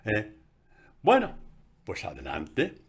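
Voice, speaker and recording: A man preaching a homily, animatedly acting out biblical dialogue with big jumps in pitch. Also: wildly swooping pitch, slow pace, creaky, husky.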